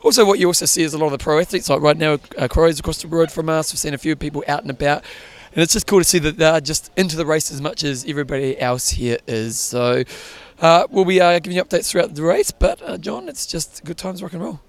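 Quick, higher-pitched Kiwi male host. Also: animated, gravelly. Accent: New Zealand. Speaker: show host. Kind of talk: casual on-location podcast reporting. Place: outdoors at a triathlon roadside.

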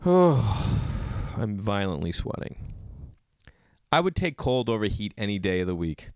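Male solo podcaster, casual and opinionated ranter. Lively, wide-ranging delivery, emphatic bro slang and cursing, recorded dry. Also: fairly low pitch, fast, clear, resonant tone, dry recording. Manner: swearing, bro-style slang; rhetorical questions answered by himself. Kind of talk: casual ranting monologue. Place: garage.

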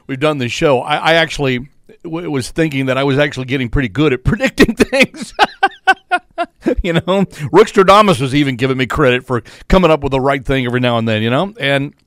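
A man's voice: mid-range voice, lively intonation, a little fast, a bit bright, no room sound, studio quality. A middle-aged man hosting a casual sports talk show, rambling with restarts and chuckles.

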